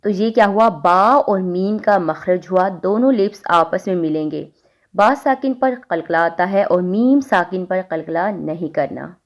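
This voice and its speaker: A woman teaching a recitation lesson, explaining letter sounds patiently and repeating them slowly to demonstrate. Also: on the low side. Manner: patient, repeats points to the listener.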